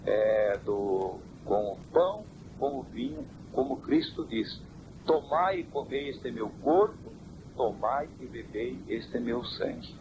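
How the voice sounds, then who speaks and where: Man, church elder, measured preaching answers, old cassette with heavy hiss, mid-range pitch. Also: sing-song, gravelly. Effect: old worn cassette tape. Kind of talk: interview answers. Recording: hissy worn cassette tape.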